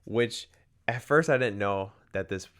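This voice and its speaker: A man's voice: fairly low pitch, measured pace, clear, resonant tone. A young man co-hosting a movie podcast, rambling casually and acting out lines from scenes. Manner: rambling, many likes, acts out quotes loudly. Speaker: podcast co-host. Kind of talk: casual movie review chat.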